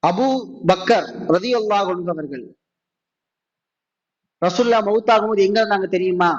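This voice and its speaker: High-voiced Tamil man preaching. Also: highs cut off. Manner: rhetorical questions, slows down for Arabic quotes. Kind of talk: mosque sermon.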